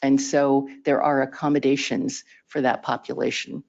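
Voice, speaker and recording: Presenter at a staff training: mid-pitched, measured and explanatory, recorded on a dull, lo-fi track. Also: flat delivery, a little mellow. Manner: measured, explanatory, with occasional fillers.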